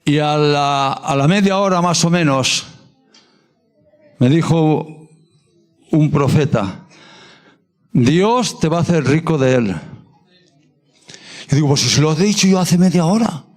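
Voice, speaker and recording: A man's voice: a little high, animated, unhurried, long pauses, soft background music. A man preaching a sermon in a church, fervent and improvised, drawing out the scripture lines he quotes and often restarting his sentences. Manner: repeats words and restarts sentences as he speaks freely. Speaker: pastor.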